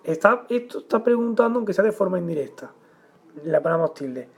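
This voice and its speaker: A man teaching a grammar lesson, explaining at a measured pace and stressing the example words. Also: high-pitched, lively intonation, creaky, breathy edge.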